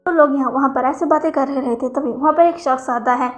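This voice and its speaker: High-voiced woman narrating a story. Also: brisk. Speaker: fan fiction storyteller.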